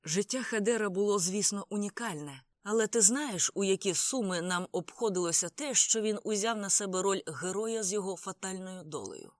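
An audiobook reader voicing a grieving older male crime boss, pleading and agitated in a raised, higher voice. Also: sing-song, brisk, no echo, clean studio sound, natural voice. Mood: agitated lament. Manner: pleading, agitated, tearful speech.

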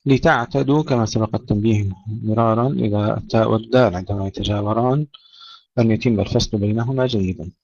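A man teaching Quran recitation rules, reciting verse phrases slowly, then explaining them briskly. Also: lowish voice, a little mellow, no echo. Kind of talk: tajweed lesson. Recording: dull lo-fi, dry sound.

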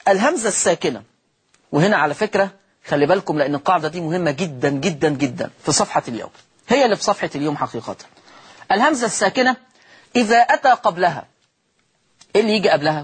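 With a slightly rough, high-pitched voice, an Egyptian-accented teacher explains Quran recitation rules on TV. He repeats each example word, elongating it, and supplies answers to his own questions.

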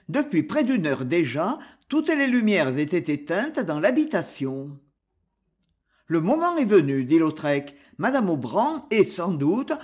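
A narrator reading an old detective novel aloud for an audiobook. The delivery is slow and measured, with a lively, expressive pitch that keeps the suspense going.

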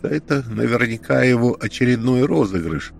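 A man's voice: medium pitch, animated, vocal fry, faint music behind. Man voicing a dazed, mumbling young guy. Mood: defensive. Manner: hurried, mumbling.

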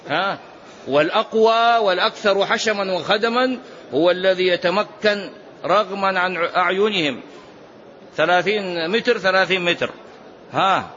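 A middle-aged man giving a mosque sermon in a high, ringing voice. He exhorts and scolds by turns and keeps firing rhetorical questions at the congregation. The recording is dull and lo-fi, with a faint hiss underneath. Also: sharp tone. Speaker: preacher.

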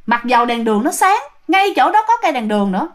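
Brief: high-pitched woman storyteller, lively ghost tale told straight to the audience. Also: quick pace. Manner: animated, addresses listeners directly.

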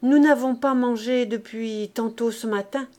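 A woman's voice: a little high, steady tone, measured pace, darkish tone, close to an everyday voice. A woman voicing a polite, earnest little boy in a storybook reading, in a raised voice.

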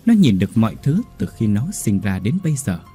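A man's voice: fairly low pitch, big pitch swings, brisk, dark tone. A man narrating a horror story with dramatic delivery. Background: faint music.

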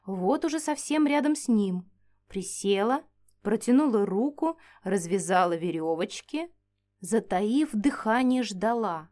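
A woman narrating a first-person fantasy audiobook in an expressive, animated way. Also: medium pitch, unhurried.

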